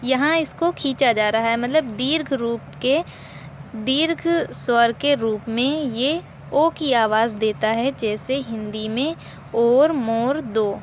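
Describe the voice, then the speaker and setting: A woman teaching a recorded language lesson, explaining slowly, repeating examples and asking questions she answers herself. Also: on the high side, slight background noise.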